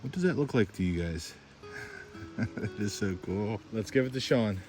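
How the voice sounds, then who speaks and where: A man vlogging outdoors in a winter forest while metal detecting, chatty and excited as he talks through each find. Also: lowish voice, moderate pace, loud music behind the voice. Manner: chatty, excited, thinking aloud while digging. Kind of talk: outdoor vlog narration to camera. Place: outdoors in a winter forest by old railroad tracks.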